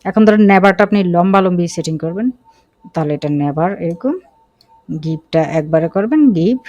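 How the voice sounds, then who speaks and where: Casual woman teaching design software. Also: fairly low pitch, fairly quick, no room sound, highs cut off. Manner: casual, with frequent fillers and self-corrections. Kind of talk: screen-recorded software tutorial.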